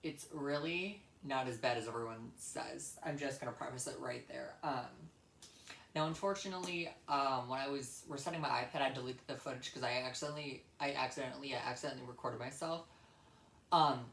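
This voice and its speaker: In an echoey room with slight background noise, a young adult vlogger rambles through a story in a brisk, gravelly, fairly bright medium-pitched voice. He's blunt and emphatic, swears freely, and keeps circling back to repeat his points.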